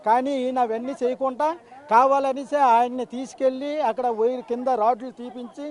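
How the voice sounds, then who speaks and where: A man's voice: very high voice, little pitch movement, fairly quick, darkish tone. A man, a relative of the victim, explaining earnestly and respectfully outdoors. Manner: earnest, respectful, says sir often.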